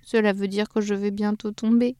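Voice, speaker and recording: A woman voicing a pretty tree leaf, speaking in a slow, sing-song, plaintive way. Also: mid-range voice, level tone, dark tone, clean tone, no echo, clean studio sound, close to an everyday voice. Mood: wistful. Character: pretty tree leaf, dreamy then dismayed.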